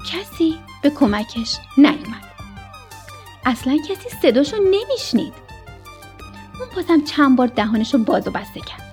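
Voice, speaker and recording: A woman narrating a children's story expressively, sometimes sinking to a whisper at tense moments. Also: high voice. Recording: soft music behind the voice.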